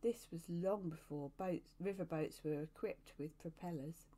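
A woman's voice: on the low side, normal speed, warm tone. Woman reading a novel aloud. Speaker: storyteller.

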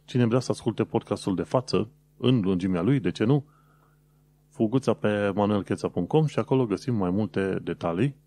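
A man's voice: on the low side, mellow. A man from Romania hosting his own podcast, explaining practical tips in a casual, conversational way with frequent hesitant fillers. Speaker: podcast host.

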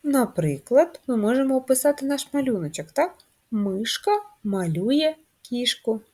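Female first-grade teacher; lively rising and falling pitch, unhurried, slightly breathy. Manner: slow, drawn-out, sing-song teacher talk. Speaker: primary school teacher. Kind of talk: first-grade literacy lesson.

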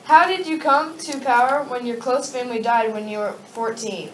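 A woman's voice: a little high, moderate pace, close to an everyday voice. A young woman voicing a Confederate leader in an amateur sock-puppet show, reciting the lines stiffly. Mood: polite, formal. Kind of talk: amateur puppet-show role-play, scripted. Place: darkened room with projection screen, puppeteers low at front. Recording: echoey room, distant mic, faint noise.

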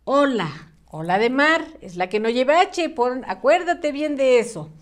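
A woman's voice: high voice, lively intonation, measured pace. A woman teaching a children's spelling lesson, patient and sing-song, using diminutives. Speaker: primary school teacher.

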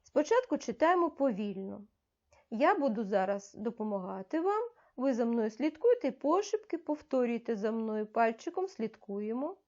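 A woman teacher leading a reading lesson for young children, giving slow, clearly articulated, coaxing instructions. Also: on the high side, sing-song, darkish tone. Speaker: primary school teacher. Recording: dull, muffled lo-fi audio.

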